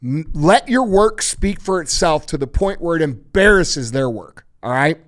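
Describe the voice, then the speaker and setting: A man's voice: a little high, expressive, moderate pace, fairly bright tone. Blunt, profane podcast host, man. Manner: blunt, emphatic, heavy swearing. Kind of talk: profane motivational advice.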